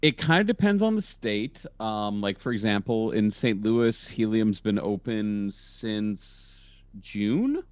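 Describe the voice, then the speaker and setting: Animated man on a video call. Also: slow pace, clear, resonant tone, no room sound. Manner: animated storyteller with sudden pitch jumps when quoting people. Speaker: comedian and comedy label engineer. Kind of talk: casual video-call podcast chat. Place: home in a college town.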